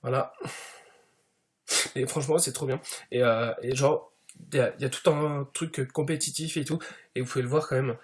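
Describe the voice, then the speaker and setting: This YouTuber plays a smug braggart in a comic parody, his mid-range voice steady and unhurried at normal speed, broken up by long pauses. Fillers pad each line, and "tu vois" keeps cropping up.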